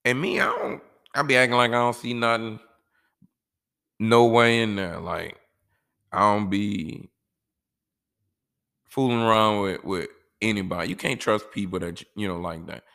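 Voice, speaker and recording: Low raspy-ish guy just rambling chill advice, lots of "you know", kinda gravelly. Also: a little slow, pauses often, sharp tone. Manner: laid-back, rambling, repeats "you know". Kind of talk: casual monologue giving life advice.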